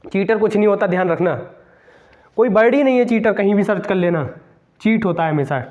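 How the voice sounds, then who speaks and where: A man's voice: high voice, brisk, a little mellow, highs cut off. A man teaching English grammar for competitive exams, emphatic, repeating words and spelling them out letter by letter. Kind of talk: exam-prep grammar lesson.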